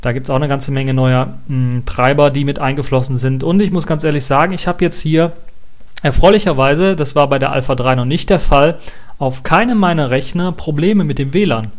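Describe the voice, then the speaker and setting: A man's voice: on the high side, normal speed. A man giving a casual spoken review of an operating system release, thinking aloud with many hesitations and restarts. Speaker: tech reviewer.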